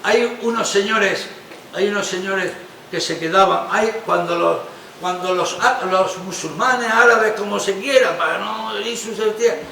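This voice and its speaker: Man, high voice, rambling, colloquial, radio interview. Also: moderate pace, vocal fry, sharp tone, slight background noise. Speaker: playwright presenting his play.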